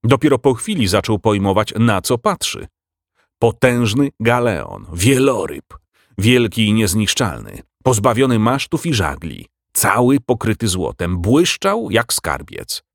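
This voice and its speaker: A man reading a fantasy audiobook with expressive storytelling. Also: lowish voice, measured pace, vocal fry, dry recording, clean studio sound. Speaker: audiobook narrator. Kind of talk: scripted narration.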